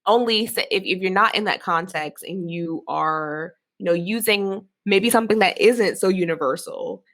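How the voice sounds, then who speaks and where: A woman's voice: fairly low pitch, normal speed, fairly bright tone. A woman from Philadelphia co-hosting a podcast, talking in a frank, rambling way full of "like" fillers. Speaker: podcast co-host. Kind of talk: casual discussion.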